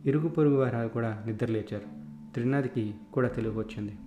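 A man narrating a story in a steady, plain way. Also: mid-range voice, quick pace. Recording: echoey room with faint music.

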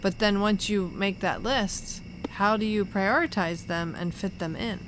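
A woman's voice: medium pitch, steady tone, a little slow, noisy background. A woman hosting a podcast in casual conversation, recorded outdoors in a backyard. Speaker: podcast host.

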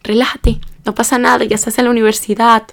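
A calm mother , as her young daughter imitates her, soothes her upset child, repeating herself with reassuring patience. The voice has a slight gravelly fry. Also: a little high, fast. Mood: soothing.

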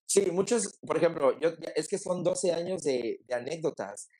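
A man's voice: a little high, expressive, moderate pace, dark tone, slightly rough, poor audio. Chatty Mexican man telling stories. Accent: Mexican Spanish. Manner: chatty storyteller with lots of fillers. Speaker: TikToker and wedding planner guest. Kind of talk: casual interview chat.

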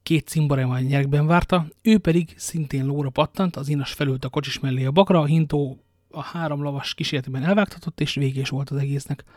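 A man's voice: on the high side, steady tone, a little mellow, no echo, clean studio sound, natural voice. A man reading the part of a kindly old witness who recounts a kidnapping and reassures a young man. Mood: recounting. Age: older.

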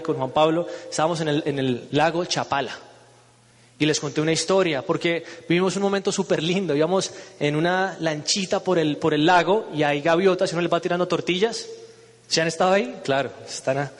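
A man giving a humorous, emphatic motivational speech that rises to loud, intense passages. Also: a little high. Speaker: motivational speaker. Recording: reverberant hall with faint music.

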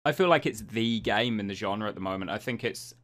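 A man with a fairly low voice chats easily on a gaming podcast. He gives his views in a relaxed, offhand way, often hedging with "I feel like.". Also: fairly quick. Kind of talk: casual gaming chat.

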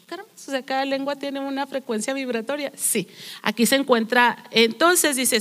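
A woman's voice: fairly high pitch, fairly bright tone, in a large hall. A woman preaching a sermon, earnest and storytelling, with many rhetorical questions. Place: church.

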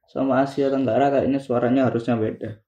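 A man chatting casually as a podcast co-host, often pausing to search for words. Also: mid-range voice, steady tone, dark tone, lo-fi sound. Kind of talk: casual chat. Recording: echoey room.

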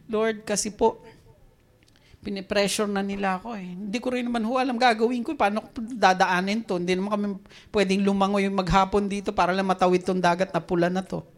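A woman's voice: medium pitch, fairly even intonation, brisk, pitched below the performer's own voice, lightly acted. Woman preacher voicing anxious pleading Moses. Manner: pleading, complaining.

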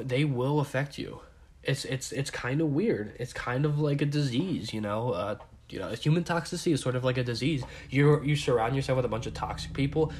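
A man's voice: mid-range voice, husky. Rambling young man with covid. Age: 20s. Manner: rambling, profane, repeats himself. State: sick with covid, short of breath. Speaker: podcast host. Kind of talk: solo podcast rant.

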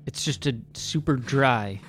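A man's voice: medium pitch, a little slow, fairly bright tone, soft background music. A man co-hosting a podcast, talking in a dry, understated way about a beer label. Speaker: podcast co-host. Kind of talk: casual chat.

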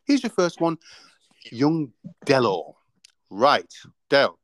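A man's voice: mid-range voice, sing-song, slow, fairly bright tone, dry recording. A man hosting a casual radio chat show, playful and laughing, running a quiz segment. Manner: playful, laughing, mimics customers. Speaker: host.

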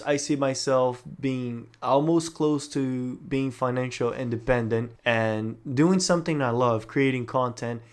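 A young man co-hosting a relaxed podcast Q&A with a friend. He sounds upbeat and enthusiastic and laughs easily between answers. His voice sits at an ordinary pitch for a man. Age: young adult. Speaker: podcast co-host. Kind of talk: casual Q&A chat. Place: home setup, recorded for a podcast.

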